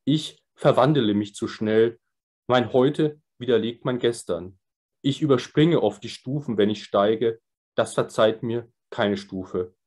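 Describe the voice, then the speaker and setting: A man voicing a troubled young man who speaks in a pleading, halting way with small stumbles. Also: medium pitch, darkish tone, lightly acted. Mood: despairing.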